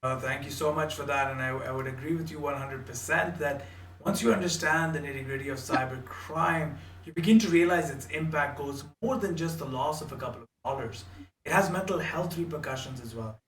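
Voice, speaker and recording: A man hosts an online panel, speaking in a polished manner with a slightly high voice. His voice sounds roomy and a little distant from the mic. A faint hum sits behind it. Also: fairly quick, fairly bright tone. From Canada. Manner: polished, quotes proverbs. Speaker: panel moderator. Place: home office in Ontario.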